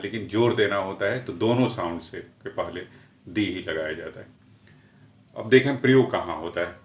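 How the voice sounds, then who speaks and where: A man's voice: fairly low pitch, echoey room. Man teaching English grammar in Hindi. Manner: slow, deliberate spelling out of examples. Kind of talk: explaining grammar with Hindi examples.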